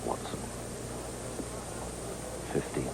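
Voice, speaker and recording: A man giving measured, understated live commentary on a golf tournament. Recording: noisy outdoor 1980s TV broadcast.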